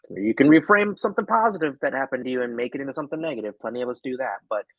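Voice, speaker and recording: A man's voice: on the low side, husky, no room sound, low-quality recording. A man co-hosting a workshop over a video call, telling a personal story in a candid, casual way with the odd swear word. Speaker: workshop co-host.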